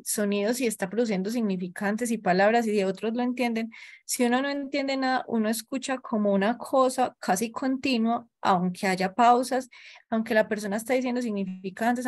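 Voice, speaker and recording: Woman, group participant; hesitant, word-searching, with a slightly raised pitch. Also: normal speed, darkish tone. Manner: tentative, searching for words, many restarts. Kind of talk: thinking aloud in discussion.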